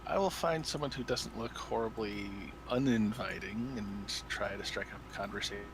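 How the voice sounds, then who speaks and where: A man's voice: fairly low pitch, moderate pace, a bit bright. Joking male gamer over noisy ambience. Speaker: tabletop game player. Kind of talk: casual, joking game chat.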